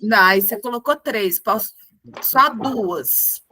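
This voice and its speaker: A woman teaching a group music lesson over a video call, encouraging the class and chanting words slowly in rhythm. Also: medium pitch, sharp tone, a little hiss or hum.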